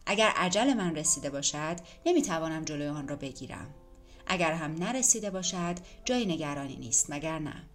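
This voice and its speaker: A fearless old gentleman of about seventy, as a woman reading the story puts him on, speaking with unhurried composure. His voice stays low and even. Soft music hums behind. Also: lightly acted. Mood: calm. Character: calm, fearless wealthy old man around seventy.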